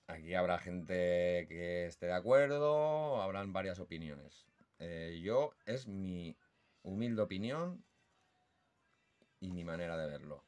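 A deep, clear, resonant male voice with a Spanish accent from Spain explains the rules for judging songbird calls. Slow and deliberate, this birdsong judging instructor imitates the calls aloud as part of his lesson.

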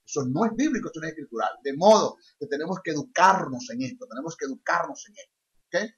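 Emphatic high-voiced male preacher. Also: lively intonation, fast talker, a bit bright. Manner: emphatic, repeats key phrases, mimics babbling mockingly. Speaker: preacher and Bible teacher. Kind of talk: sermon teaching. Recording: dull lo-fi sound.

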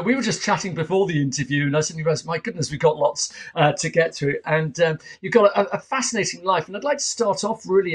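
A man in his fifties hosting an interview over a video call from a small home room, asking measured questions with frequent fillers. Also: high voice. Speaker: interview host. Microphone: webcam on a video call.

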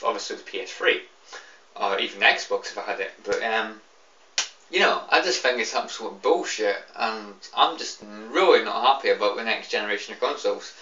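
A drunk young British man with a lowish, slightly bright voice rants annoyedly about video games to camera, rambling, repeating himself, and swearing. He's in a small indoor room, and the webcam picks him up with a roomy, distant, slightly dull sound.

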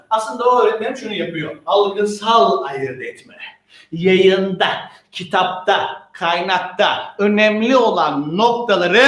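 A man with a strikingly high voice gives an exam-prep lecture. He is animated and playful, uses slang, and keeps asking questions and answering them himself. The sound is roomy and echoey. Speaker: teacher. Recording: echoey room.

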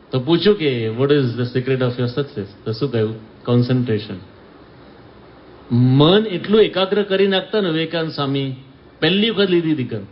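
A man preaches a devotional discourse in a storytelling manner, lifting his voice as he acts out each quoted speaker. His pitch sits in a middle range, and the recording is a little dull with a faint hiss behind him. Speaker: swami giving a discourse. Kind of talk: devotional sermon with told stories.

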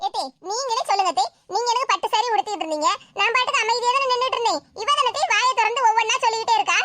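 Woman voicing a cartoon girl, Tirunelveli Tamil accent, whiny, squeaky high voice, faint background hiss. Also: rapid-fire. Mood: complaining. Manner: whiny, complaining. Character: bickering young girl, touchy and quick to complain. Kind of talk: cartoon voice acting.

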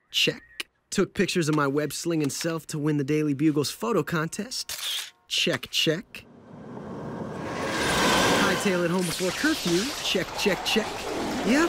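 A jokey teen superhero, voice bouncing all over, bit of hiss in the clip. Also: male voice, on the high side, a bit bright, heavily acted. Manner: quick joking banter, sarcastic quips. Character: wisecracking teenage male superhero. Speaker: voice actor.

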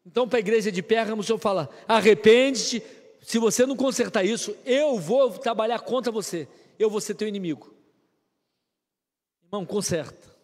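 Brazilian male pastor, emphatic sermon, high voice, reverberant church hall. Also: a little fast, darkish tone. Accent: Brazilian Portuguese. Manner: emphatic preaching with repeated short commands. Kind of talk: live-streamed sermon. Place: church sanctuary.

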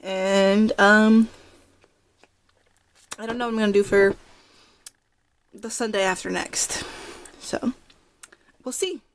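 A woman's voice: mid-range voice, steady tone, slow pace, long pauses, a little hiss or hum. Chatty young woman vlogging. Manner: chatty, rambling, apologetic. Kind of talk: casual vlog chat.

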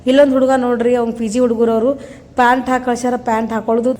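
A mother from North Karnataka chats fast into her phone camera in a regional Kannada accent. Her voice sits a little high but mellow and stays level in tone. She keeps showing viewers things in a casual vlog way. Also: flat delivery, a little hiss or hum. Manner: chatty, keeps saying "see" to viewers. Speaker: mother vlogger.

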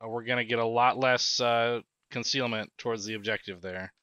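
A man's voice: medium pitch, fairly even intonation, a little fast, pushed and bright, clean tone, dry recording, highs cut off. A young man on a headset, chatting and joking with his squad during a military game, short of breath from moving. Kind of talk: casual squad chatter over game comms.

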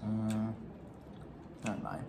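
A man in casual food-tasting chat, speaking in a low-key, mumbled way while chewing. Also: very slow, vocal fry. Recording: echoey room with background noise.

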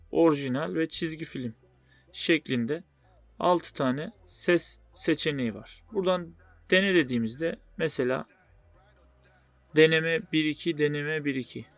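Male tutorial host, fairly high voice, step-by-step spoken explanation, dry close sound. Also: a little slow, no echo. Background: music.

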